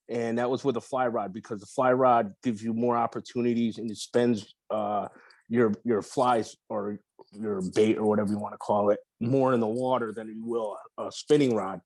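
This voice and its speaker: A man as a podcast guest, telling stories in a relaxed, rambling way with lots of swearing and restarts. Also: mid-range voice, no room sound. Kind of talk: casual interview storytelling.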